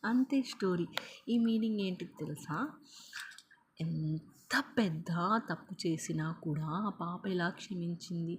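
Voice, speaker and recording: A woman with a lowish voice tells a bedtime story casually, full of animated asides and dramatic pauses. A faint steady hiss sits under her voice.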